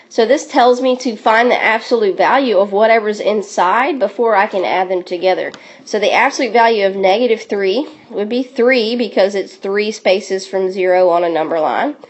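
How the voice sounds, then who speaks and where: A woman teaching a recorded sixth grade math review, upbeat and encouraging, with playful catchphrases as she walks through each step. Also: medium pitch. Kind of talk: recorded classroom review lesson.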